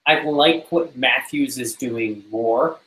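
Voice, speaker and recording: A man in an online meeting questioning a software design, thinking aloud with many restarts. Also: mid-range voice, takes it slowly, reverberant, poor audio. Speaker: developer in meeting. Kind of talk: technical discussion in a meeting.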